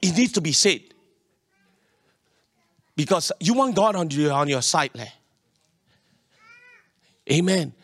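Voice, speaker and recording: With a sing-song, somewhat high and slightly bright voice, a man preaches slowly and leaves long pauses, with no echo in the recording. He speaks colloquial Singlish in a Singaporean accent, dropping leh, eh and huh. Emphatic and repetitive, he tells his congregation personal anecdotes and invites their responses.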